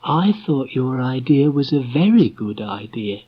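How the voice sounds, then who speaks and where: A man voicing a small, nervous piglet with a soft, gentle way of speaking. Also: mid-range voice, sing-song, measured pace, slightly rough, voice pushed up. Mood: timid. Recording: dull lo-fi recording.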